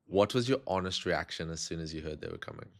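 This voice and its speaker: Deep-voiced podcast host from South Africa. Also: male voice, wildly swooping pitch, fast, gravelly. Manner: affirming, with frequent 'yeah' replies. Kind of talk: casual interview chat.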